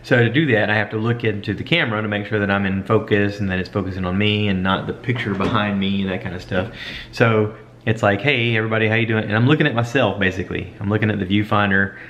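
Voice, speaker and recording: Low-voiced man chatting casually to camera. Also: fairly even intonation, quick pace, fairly bright tone. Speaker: podcaster vlogging to camera. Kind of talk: casual chat, stream of consciousness. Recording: dull lo-fi camera audio, light background noise.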